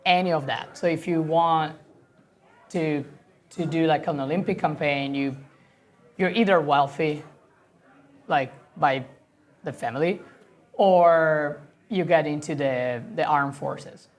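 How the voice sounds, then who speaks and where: A professional sailor from Italy, a woman with an Italian accent and a notably low voice, is a guest in a casual interview. She's chatty, laughs often, and acts out quoted dialogue from other people. She speaks slowly, with long pauses.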